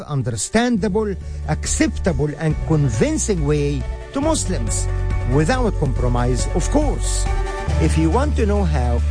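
A man from Egypt giving an earnest, emphatic ministry announcement. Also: a little high. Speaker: ministry spokesman. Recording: dry close voice over soft music.

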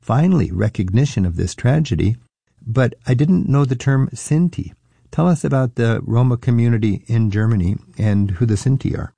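A man's voice: medium pitch, animated, moderate pace, vocal fry, warm tone, breathy edge, no room sound. A man hosting an interview, curious and conversational, often rephrasing his questions as he goes. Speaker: interview host. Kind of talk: casual interview chat.

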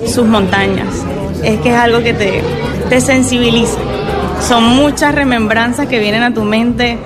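A woman's voice: a little high, fairly even intonation, unhurried, over loud music, over a noisy crowd. A Venezuelan woman with a Venezuelan accent, speaking in a heartfelt, emotional way during an interview.

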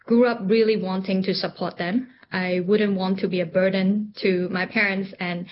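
A woman's voice: mid-range voice, steady tone, normal speed, dull audio, slight background noise. A middle-aged woman from Hong Kong, an entrepreneur guest in an interview, speaking thoughtfully with frequent ums and restarts. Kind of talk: reflective interview conversation.

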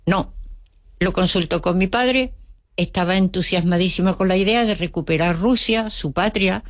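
An older woman, a native Russian speaker with an Andalusian Spanish accent, reminisces as an interview guest, telling vivid stories with wry humor and acting out quotes. Her voice is fairly low, recorded cleanly in a studio with no room sound.

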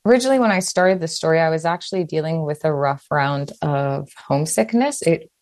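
A woman from Hawaii, an author, talking quickly and casually in an interview, with frequent fillers and restarts. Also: low voice, expressive, a little mellow, no room sound. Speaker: author, guest.

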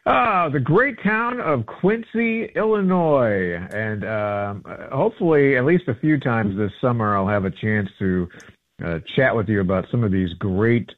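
A man's voice: medium pitch, lively intonation, no room sound. Man on a tinny AM radio line. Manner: easygoing, chatty, halting with fillers. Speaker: radio show guest. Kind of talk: casual radio chat. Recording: narrow tinny phone-line audio.

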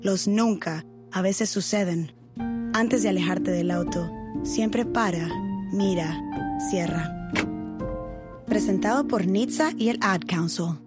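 A woman narrating a public service ad in a calm, earnest scripted read. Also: medium pitch, slow pace, long pauses, loud music behind the voice.

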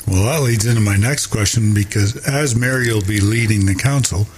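A man's voice: fairly low pitch, moderate pace, a little hiss or hum. A man interviewing a candidate with brief, direct questions.

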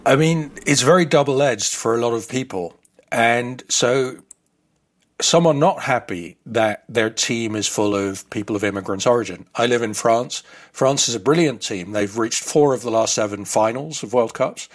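A man's voice: mid-range voice, moderate pace. A man in his fifties who grew up in the Netherlands, explaining his views in a thoughtful way as an interview guest. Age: 50s.

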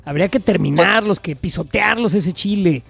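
High-voiced emphatic Mexican panelist. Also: male voice, normal speed, vocal fry, fairly bright tone, husky, no echo, faint music behind. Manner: emphatic, piles up verbs. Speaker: sports panelist. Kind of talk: casual sports banter.

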